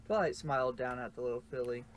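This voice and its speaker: A fast-talking man with a medium-pitched voice narrates a fan fiction reading, delivering scripted story narration aloud. Faint background noise can be heard.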